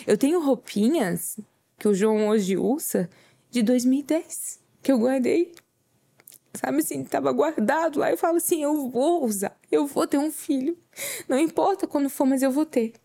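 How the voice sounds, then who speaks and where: A woman shares a heartfelt faith testimony. Her voice sits a little high and sounds mellow and warm. She speaks earnestly, replaying her own words as she tells the story. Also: moderate pace, gravelly. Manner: earnest, tearful at times, acts out her own quoted words. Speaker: podcast guest.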